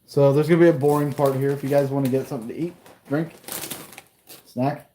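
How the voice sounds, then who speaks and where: A man hosts a ghost-hunting live stream in a relaxed, chatty way, often turning to address the viewers. His voice is dark and mellow, with a faint hiss of noise behind it. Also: medium pitch, fairly quick. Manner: chatty, talks straight to viewers. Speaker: livestream host. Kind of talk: casual live-stream chat.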